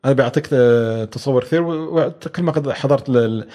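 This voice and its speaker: Answering interview questions as a guest, this Omani venture capital expert speaks briskly in a warm, mid-range voice. His replies are full of hesitations and restarts.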